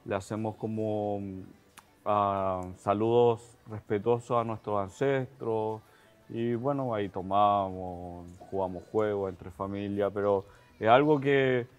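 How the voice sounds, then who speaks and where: A man's voice: lowish voice, smooth. Easygoing young Chilean man. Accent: Chilean Spanish. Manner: laughing easily, quick asides. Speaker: guest. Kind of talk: casual chat. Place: TV-style studio set.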